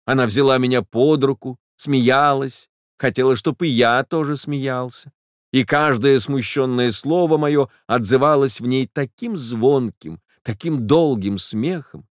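A man's voice: mid-range voice, measured pace, no echo, clean studio sound. A man narrating a literary audiobook in the first person, in a reflective, emotional way.

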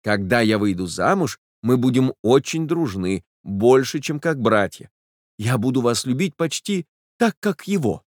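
A man reading an audiobook, voicing an excitable, tender young woman who talks quickly and exclaims often. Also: mid-range voice, no echo, clean studio sound. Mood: excited. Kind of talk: audiobook character voice.

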